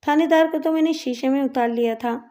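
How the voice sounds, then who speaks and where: A woman's voice: sits high, mellow, lightly acted. A woman reading the lines of a brash, shameless woman inmate who boasts and mocks. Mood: boastful. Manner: boastful, mocking.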